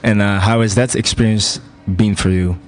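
Hesitant young man, lowish voice. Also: fairly even intonation, normal speed. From Belgium. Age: 20s. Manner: hesitant, many fillers. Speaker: student guest. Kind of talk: casual radio chat. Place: student radio studio.

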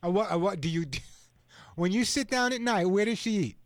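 A man's voice: high-pitched, brisk, no room sound, studio quality. A man hosting a radio call-in show in a casual, chatty talk style.

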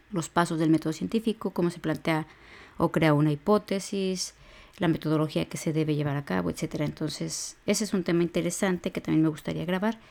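A woman with a somewhat low voice teaches a grammar lesson on her podcast. She speaks patiently, counting out syllables one at a time and repeating each example word slowly. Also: vocal fry, mellow. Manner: slow, syllable-by-syllable spelling out of words. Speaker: podcast teacher for exam preparation.

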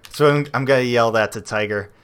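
A man of ordinary pitch co-hosting a podcast in easygoing conversation. He rambles a little, restarting sentences and dropping in fillers as he thinks aloud. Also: fairly quick, noisy background. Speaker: podcast co-host. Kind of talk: casual chat.

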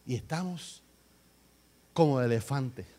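A man preaching a sermon, swinging between soft, low talk and loud, repetitive outbursts. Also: animated, takes it slowly.

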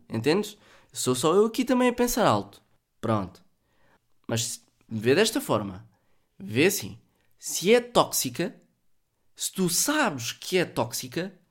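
A man's voice: sits high, wildly swooping pitch, unhurried, pauses often. A man with a European Portuguese accent hosting a solo podcast, thinking aloud in a joking, profane, casual way. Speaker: podcast host.

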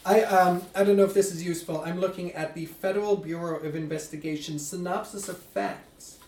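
A podcast co-host asking questions in an inquisitive, halting way, with many restarts. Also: mid-range voice, steady tone, a little mellow, recorded from a distance. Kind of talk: casual podcast discussion. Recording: echoey room, voice set back from mic.

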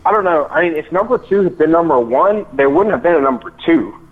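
A man's voice: on the high side, lively intonation, quick pace, breathy edge. A young man and father, chatting casually on a podcast in a laid-back way, full of "dude" and "like". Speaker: podcast co-host. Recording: dull lo-fi sound.

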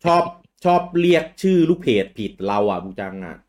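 A man's voice: fairly high pitch, big pitch swings, moderate pace, a little mellow. Thai man hosting a chatty livestream. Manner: reads out viewer names, stumbles over hard ones. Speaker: livestream host. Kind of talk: casual livestream chat, greeting viewers.

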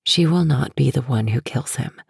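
Low, husky, creaky woman narrator. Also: moderate pace, dry recording. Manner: intimate and hushed. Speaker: audiobook narrator. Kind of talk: scripted narration. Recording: dry close studio sound.

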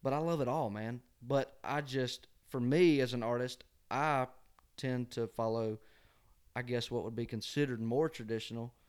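A man with a Georgia drawl and a nasal twang talks in a casual interview. His voice is smooth and clear, at an ordinary male pitch. He is folksy and often tags his phrases with "man". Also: normal speed. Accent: Southern US, Georgia. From Georgia, USA. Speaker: country singer-songwriter guest.

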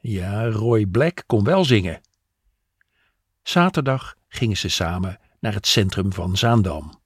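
Slow, husky man narrating a story. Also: on the low side, expressive, no echo, studio quality. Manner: gentle, unhurried storytelling.

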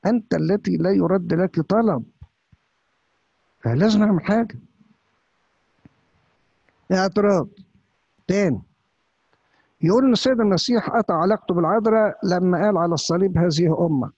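A priest with an Upper Egyptian Arabic accent preaching a sermon, firing off rhetorical questions. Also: male voice, high-pitched, brisk, pauses often, a little mellow, slightly rough, no room sound. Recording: dull, lo-fi, dry.

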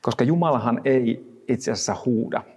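A man giving a thoughtful Bible reflection, pausing often and restarting his words. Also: medium pitch, darkish tone, slightly rough, in a large hall. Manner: thoughtful, halting, frequent restarts. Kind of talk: reflective Bible devotional talk.

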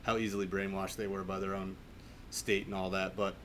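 Recording remotely at home, a male podcast host gushes and rambles casually about film. His voice sits low with a fairly bright tone, and he speaks briskly in a flat delivery. Background noise comes through clearly.

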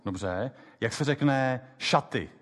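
A man giving a live lecture on memory techniques, explaining quickly and lively with many fillers. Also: mid-range voice. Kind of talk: live lecture with app demo. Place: lecture hall with audience. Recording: long hall reverb.

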